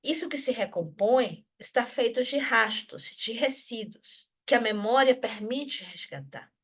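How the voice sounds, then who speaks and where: Speaking with a sharp tone at medium pitch, this participant in an academic discussion group is a woman from Venezuela. Her delivery is thoughtful, marked by frequent restarts and added tag questions.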